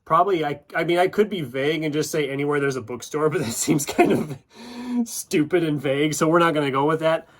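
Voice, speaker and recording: Speaking briskly in a slightly high, fairly bright voice, this Iowa-born American book YouTuber chats informally while answering questions in a vlog. He often pokes fun at himself along the way.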